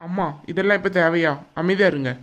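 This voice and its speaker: An exasperated adult son in a cartoon, voiced by a woman, who keeps scolding his mother. He talks quickly. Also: on the low side, lightly acted. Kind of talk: cartoon voice acting.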